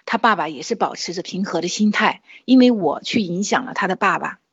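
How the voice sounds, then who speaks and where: A woman's voice: on the low side, lively intonation, brisk, a bit bright, breathy edge, dull audio. A woman, likely in her forties, earnestly sharing a personal testimony in a casual monologue, with frequent hesitations and restarts.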